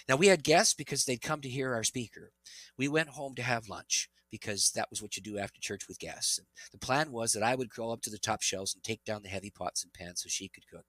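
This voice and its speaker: A middle-aged man, a pastor and interview guest, telling an earnest, animated testimony. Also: mid-range voice, no echo, low-quality recording. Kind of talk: interview storytelling.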